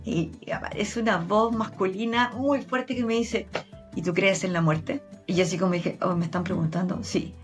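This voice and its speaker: A woman with a Chilean accent, a therapist and medium, recounting her experiences as an interview guest with earnest, animated storytelling. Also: mid-range voice, moderate pace, faint music behind. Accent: Chilean Spanish. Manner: earnest, animated retelling with many restarts.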